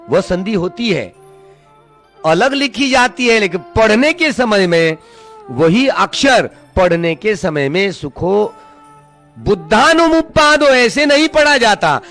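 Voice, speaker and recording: A man's voice: sits high, fairly bright tone. A man teaching Pali pronunciation in Hindi, carefully chanting verses and explaining how each word should be read.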